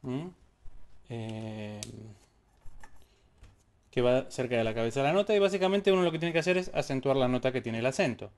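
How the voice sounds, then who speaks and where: A man's voice: medium pitch, animated, moderate pace, pauses often, a little mellow, clear, resonant tone. A man teaching a casual music theory lesson, explaining step by step and singing syllables to show rhythms.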